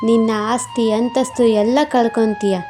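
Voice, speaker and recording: A woman's voice: on the high side, little pitch movement, measured pace, music in the background, close to an everyday voice. A woman voicing a solemn astrologer priest in a cartoon story, pronouncing a child's fate.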